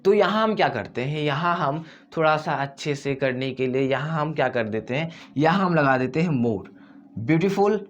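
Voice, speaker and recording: Male grammar teacher, higher voice, repetitive and drawn-out delivery, muffled lo-fi audio. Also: animated. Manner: repetitive, asks and answers his own questions, drawls words out slowly to show syllables. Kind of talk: explaining grammar to students.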